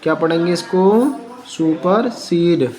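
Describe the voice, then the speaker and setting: Slow, spelling-out male teacher. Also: on the high side, fairly even intonation, a little mellow. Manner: spells words letter by letter and quizzes the viewer. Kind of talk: spoken pronunciation lesson.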